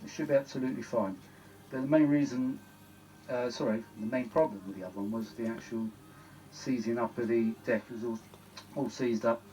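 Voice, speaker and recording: Brisk and steady, a British vintage audio repair vlogger rambles chattily through a casual demonstration, prone to exclamations. His voice is mid-range with a dark tone. The recording is noisy, and the background noise is easy to hear.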